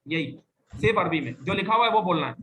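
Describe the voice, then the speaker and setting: A man's voice: sits high, expressive, background noise. A man from Pakistan teaching an Arabic class, firmly drilling and correcting his students. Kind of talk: classroom lesson with online students.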